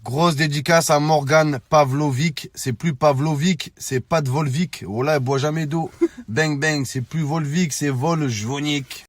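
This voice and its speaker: A man's voice: fairly high pitch, steady tone, unhurried. A man doing a casual comic rant to his followers, slangy, teasing and exclamatory. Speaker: social media comedian.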